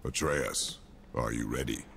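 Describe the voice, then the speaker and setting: An extremely low, heavily gravelled voice plays a stern, weathered father in a dramatic video game. He speaks in terse, measured phrases, gruff and guarded. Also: fairly even intonation, fairly bright tone, a little hiss or hum, heavily acted. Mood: calm, stern. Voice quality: very deep, gravelly.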